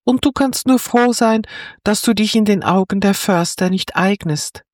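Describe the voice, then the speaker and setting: A narrator voicing a small male fox in a storybook reading, calm and slightly mocking. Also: mid-range voice, normal speed, dry recording, studio quality, voice pushed up, natural voice. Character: wise little male fox, a bit mocking.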